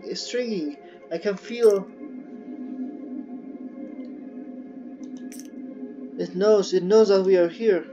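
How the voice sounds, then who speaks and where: A man reading aloud the lines of a woman scientist exploring an alien ocean, slow and earnest, with halting restarts. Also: sits high, warm tone. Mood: wondering. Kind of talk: reading game dialogue aloud. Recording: dull lo-fi audio with game music.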